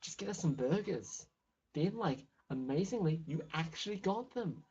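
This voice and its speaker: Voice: medium pitch, lively intonation, normal speed, warm tone, breathy edge, lo-fi sound. A player reading game dialogue aloud as a snobbish, gossipy teenage girl with a drawling valley-girl manner full of "like". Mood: teasing.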